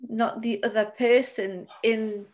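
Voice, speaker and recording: A woman co-hosting a casual podcast, speaking in a gentle, reflective way. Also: a little high, fairly even intonation, slow. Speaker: co-host and coach.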